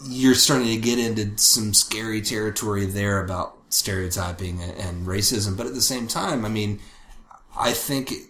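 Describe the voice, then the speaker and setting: A podcast co-host with a lowish, slightly bright voice chats casually at a moderate pace, thinking aloud and correcting himself as he rambles thoughtfully. The recording sounds roomy, with faint background noise.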